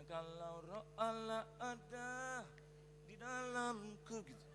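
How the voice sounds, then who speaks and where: A man preaching a sermon as a pastor, telling a story in an animated way, acting out quotes and mixing in English phrases. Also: high-pitched, slow pace. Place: large church hall. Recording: reverberant church hall with faint noise.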